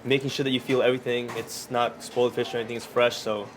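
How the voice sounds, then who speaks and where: A Filipino executive chef coaches a beginner on cleaning fish in a restaurant kitchen, direct and teasing in his casual instruction. His voice sits at medium pitch with a level tone, and he talks quickly over slight background noise.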